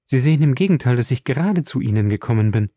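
A man reading the part of an earnest young gentleman in an audiobook, polite and pressing, a bit raised in pitch. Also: expressive, fast, dry recording, clean studio sound, lightly acted. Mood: earnest, urgent.

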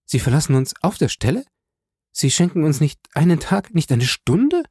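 A man's voice: mid-range voice, expressive, moderate pace, dark tone, husky, no room sound, clean studio sound, voice pushed up. A man reading an audiobook, voicing a distraught young woman who pleads and exclaims. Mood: pleading. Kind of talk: audiobook character voice.

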